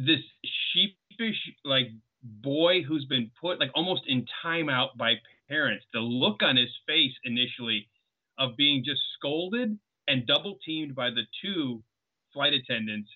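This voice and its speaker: Amused man on a tinny remote line. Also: on the high side. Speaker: podcast guest. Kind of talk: casual film discussion.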